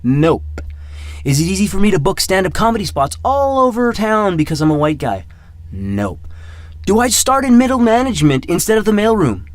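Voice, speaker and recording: A man's voice: high-pitched, sing-song, moderate pace, no room sound. A man in his thirties hosting his own podcast in a casual, rambling monologue, mocking himself and repeating his words. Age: 30s. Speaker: podcast host.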